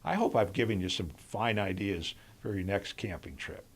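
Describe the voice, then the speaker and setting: A middle-aged man narrating a scripted, humorous personal story in a deliberate, deadpan way. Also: lowish voice.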